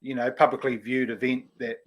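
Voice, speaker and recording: A man with a broad Kiwi accent chats as a show guest. His pitch is average for a man. He speaks casually and haltingly, with plenty of "you know". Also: little pitch movement. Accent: broad New Zealand. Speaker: online speedway series guest. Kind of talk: casual live-stream chat.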